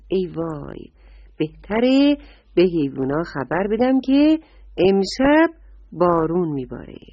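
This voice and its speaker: Breathy woman telling a tender children's story. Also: mid-range voice, mellow, dry recording. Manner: tender, addressing children with endearments. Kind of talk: children's bedtime story narration. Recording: dull lo-fi recording.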